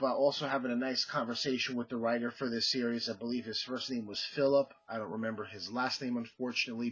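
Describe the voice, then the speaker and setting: This comic-collecting vlogger has a cold, and it shows: his mid-range voice is husky and congested as he casually shows off his haul, rambling with frequent fillers and restarts. The audio comes across dull.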